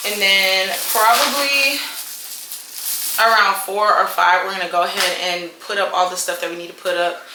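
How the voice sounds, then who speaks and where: A woman's voice: medium pitch, fairly even intonation, normal speed, noisy background. A woman in her thirties chatting casually at home in a vlog, candid and slangy, swearing freely. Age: 30s. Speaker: vlogger mom. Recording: echoey room with background music. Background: music.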